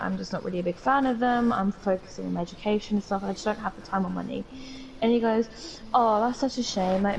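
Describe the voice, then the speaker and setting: A woman's voice: a little high, darkish tone, lo-fi sound, slight background noise. A young woman from the UK with a British accent, co-hosting a podcast and telling rambling stories in casual chat with some swearing. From United Kingdom. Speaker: podcast co-host.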